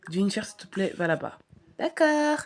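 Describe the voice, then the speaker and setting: A woman's voice: mid-range voice, a little fast, slightly rough. A woman vlogger narrating a family role-play and speaking as the mother in a casual, chatty way.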